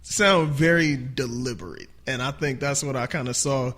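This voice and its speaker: A man's voice: medium pitch, moderate pace, fairly bright tone. A man hosting a radio interview, asking casual questions and giving short affirmations.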